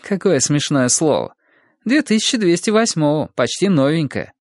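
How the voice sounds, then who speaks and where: A man's voice: on the high side, big pitch swings, normal speed, a little mellow, no echo, studio quality, pitched above the performer's own voice. A man voicing a cheerful young woman from the future in an audiobook, speaking in a breezy, matter-of-fact way. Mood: amused.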